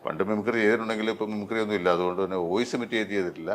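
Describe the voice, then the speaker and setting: Hesitant middle-aged man, low voice. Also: fairly even intonation, very fast, slight background noise. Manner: hesitant, many fillers and restarts. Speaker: dubbing artist. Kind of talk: interview conversation.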